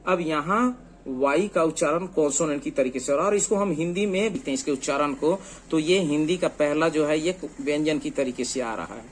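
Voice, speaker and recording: Male teacher, fairly high and lively pitch, slow deliberate spelling, faint hiss behind. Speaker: English teacher. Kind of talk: screen-based lesson explaining letters.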